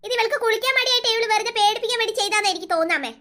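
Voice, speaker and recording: Someone voicing a sarcastic cartoon big sister, high. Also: rapid-fire, noisy background. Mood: mocking. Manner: scolding, sarcastic. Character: mocking cartoon older sister, sarcastic teen girl. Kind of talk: cartoon voice acting.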